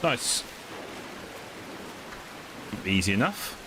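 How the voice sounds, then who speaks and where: A man's voice: fairly low pitch, very animated, drawn-out words, noisy background. A man streaming a game, chatting casually and informally to his viewers, with game music behind. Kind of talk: casual live gameplay chat.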